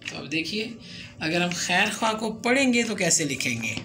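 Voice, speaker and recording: A woman teacher explaining a script lesson slowly and patiently, repeating example words for learners to follow. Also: on the low side, big pitch swings, noisy background. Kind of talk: classroom lesson on Urdu script.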